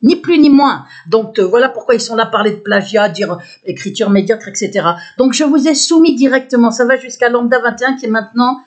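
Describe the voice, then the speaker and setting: A woman's voice: a little high, fast talker, few pauses. Aggrieved rambling woman talking to camera. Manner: rambling, aggrieved, repeats and restarts often. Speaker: poet addressing her channel subscribers. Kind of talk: unscripted monologue to camera. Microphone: camera built-in mic.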